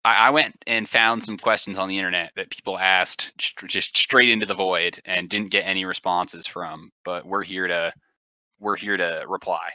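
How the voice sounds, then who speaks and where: Brief: young male co-host, low pitch, very forceful bright tone, dull lo-fi recording. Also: steady tone, normal speed, dry recording. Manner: jokey and rambling. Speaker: podcast co-host. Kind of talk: casual chat.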